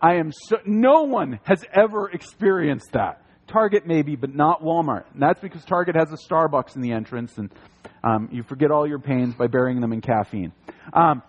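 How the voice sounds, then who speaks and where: A man preaching a sermon in an animated, conversational way, with jokey asides. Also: a little high, moderate pace, dull audio. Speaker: pastor.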